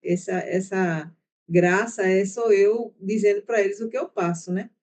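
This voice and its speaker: Her voice is medium in pitch and a little mellow, and she keeps a measured pace while giving an online lesson. The Brazilian Portuguese accent comes through as she chats and explains at length, often pausing on "né?" or "tá?" to check in with the class.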